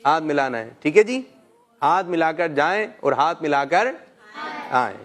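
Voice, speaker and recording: A middle-aged man hosting a children's call-in show, gently quizzing kids and praising them often. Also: on the high side, lively intonation. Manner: gentle, coaxing questions, frequent "mashallah".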